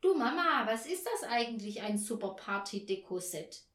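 A wishful little girl, as a woman puts her on, pipes up in a high, bouncy voice full of excitement and pleading. Her lines swing widely in pitch. They ring out in a roomy, echoing space. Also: normal speed. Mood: wondering. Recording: roomy echo.

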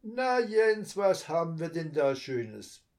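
A man's voice: on the high side, big pitch swings, slow pace, a little mellow, pitched above the performer's own voice, heavily acted. A man reading a storybook and voicing a kindly fisherman who reassures two children. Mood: reassuring.

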